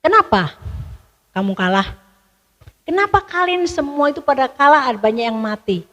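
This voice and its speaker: God giving firm commands, as a woman storyteller voices him, calm but pressing. The voice stays a touch above her own. A long hall reverb follows. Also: high-pitched, normal speed. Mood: stern. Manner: firm, questioning. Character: God speaking firmly to a leader.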